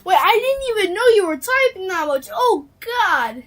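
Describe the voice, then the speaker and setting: A woman's voice: very high-pitched, sing-song, moderate pace, fairly bright tone. A woman live-streaming a game in casual, playful chatter, making silly sound noises as she plays, on a built-in device mic. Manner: playful, makes silly "bop bop" noises while playing. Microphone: built-in device mic, no headset mic.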